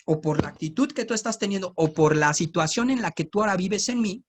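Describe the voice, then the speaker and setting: A man's voice: sits high, brisk, husky. A man with a Mexico City Spanish accent, teaching the Bible in a conversational way, with informal joking asides and frequent tag questions.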